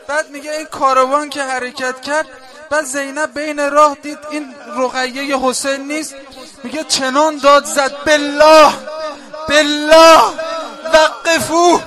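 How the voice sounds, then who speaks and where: A male preacher narrating a mourning story, moving between hushed telling and loud cries. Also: extremely high pitch.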